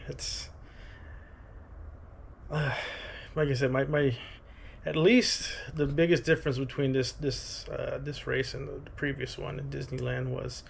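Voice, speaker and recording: Casual male vlogger, thirties: gravelly fry, rambling, halting delivery, faint background noise. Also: medium pitch, level tone. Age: 30s. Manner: halting, thinking aloud. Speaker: running vlogger. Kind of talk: casual rambling vlog talk.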